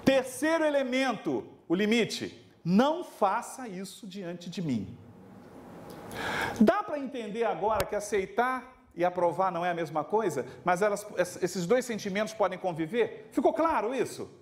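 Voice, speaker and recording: A middle-aged man lecturing teachers at an event, animated and acting out little scenes with his students. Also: high voice, a little slow. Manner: animated, acts out dialogue with students. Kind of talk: lively talk to a live audience. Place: event hall.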